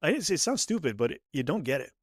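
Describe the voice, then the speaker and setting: A fairly high-voiced man hosts a podcast in easy, upbeat chat. His voice sounds close and dry. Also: very animated, quick pace, no room sound. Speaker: podcast host. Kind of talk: casual chat.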